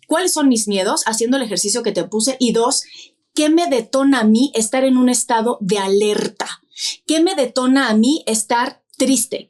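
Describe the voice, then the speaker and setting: A woman's voice: fairly high pitch, darkish tone. Woman explaining point by point. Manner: didactic, lists points and asks rhetorical questions. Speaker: podcast guest. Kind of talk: explanatory interview talk.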